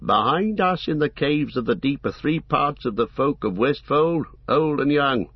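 A man's voice: on the high side, animated, measured pace, breathy edge, dry recording, lo-fi sound, voice pushed up. A man voicing an earnest older soldier.

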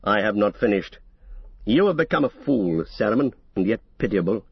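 A commanding old wizard, as a man reads him aloud, speaking sternly in a husky, mid-pitched voice. The recording is dry and slightly dull. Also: expressive, normal speed, no echo, heavily acted. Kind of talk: audiobook character reading.

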